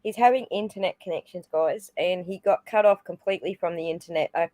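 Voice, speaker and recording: A woman's voice: lowish voice, brisk, a little mellow, no echo. A woman on a video call, chatting casually on a livestream panel with giggly, reactive interjections. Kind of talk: casual chat.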